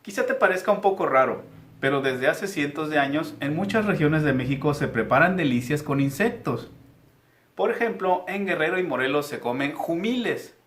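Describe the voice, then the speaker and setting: A man's voice: on the high side, animated, moderate pace, fairly bright tone. A male teacher, reading aloud to young pupils in a patient, guiding way. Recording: echoey room.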